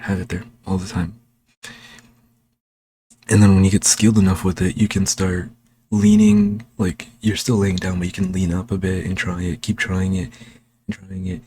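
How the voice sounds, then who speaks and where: A man slowly explaining a speaking technique in a casual home tutorial, recorded on a desk microphone. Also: sits low, warm tone. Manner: slow, unhurried, talking while demonstrating. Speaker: language learning vlogger.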